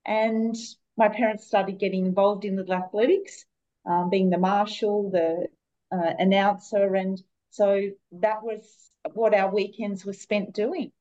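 A woman in her fifties with an Australian accent, a guest on a podcast telling stories from her life in a relaxed, chatty way with fillers. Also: medium pitch, a little slow, dull audio. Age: 50s. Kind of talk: casual interview chat.

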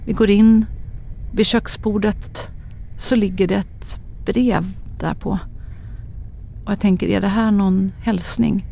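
Husky, gravelly woman telling a grave story. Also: medium pitch, fairly even intonation. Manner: quiet, halting and grave. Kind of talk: scripted personal narration.

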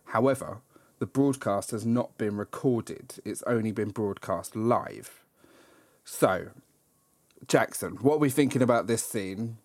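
A man's voice: lowish voice, measured pace, a little mellow, dry recording. A man hosting a casual film discussion, hesitant and full of fillers and restarts. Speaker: podcast host.

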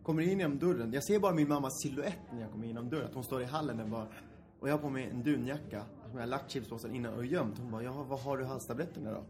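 A man in his twenties in casual comedic chat, telling an animated story and acting out quotes. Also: medium pitch, a crowd in the background. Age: 20s. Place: indoors, standing eating chips.

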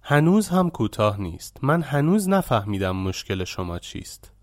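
A man voicing a calm old sage. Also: medium pitch, dry recording, clean studio sound, natural voice. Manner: calm, measured, unhurried.

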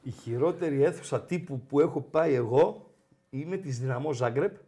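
A man hosting a casual sports podcast, telling stories in an animated, teasing way. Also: mid-range voice.

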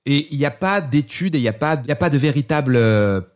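A man's voice: a little high, lively intonation, fast talker. Earnest, hesitant French man. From France. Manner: earnest, hesitant, growing heated. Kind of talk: candid conversation.

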